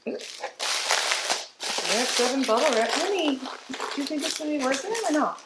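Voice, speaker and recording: A woman with a high, expressive voice talks at a normal pace while unboxing a beauty box. She sounds stuffy and congested, rambling casually and laughing a little. The recording is roomy, with faint background noise.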